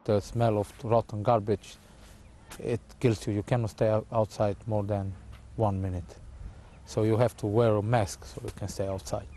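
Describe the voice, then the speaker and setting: Interviewee: man in his thirties, Romanian native, hesitant English, low pitch, faint outdoor hiss. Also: little pitch movement, moderate pace, dark tone. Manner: hesitant, repeats words.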